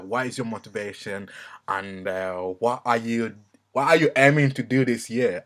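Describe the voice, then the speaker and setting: A man's voice: mid-range voice, a bit bright. A man hosting an interview, talking casually and rambling with lots of "like" and "you know". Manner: rambling, many likes and fillers.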